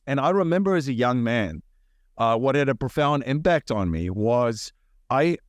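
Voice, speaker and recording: Guy from south africa, podcast guest, mid pitch, talks earnest and reflective, dry close sound. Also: no echo. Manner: earnest, reflective storytelling with frequent restarts. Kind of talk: conversational interview.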